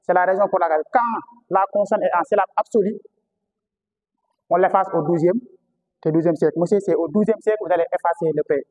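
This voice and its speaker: A male teacher with a Senegalese French accent lectures a class in a fairly high voice. He repeats key terms and puts questions to the students. The sound carries a long reverb. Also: fairly quick, a little mellow. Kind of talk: classroom lecture on historical phonetics.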